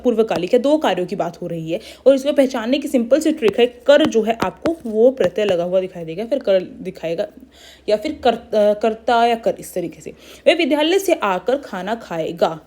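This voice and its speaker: A woman's voice: fairly high pitch, warm tone. A young woman teaching a Hindi grammar lesson for exam preparation, explaining step by step and asking questions she then answers.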